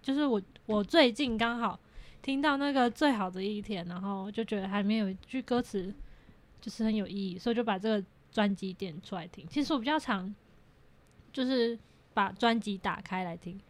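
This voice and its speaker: A woman's voice: mid-range voice, normal speed. A young woman guest on a podcast, chatting casually, giggly and teasing. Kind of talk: casual chat.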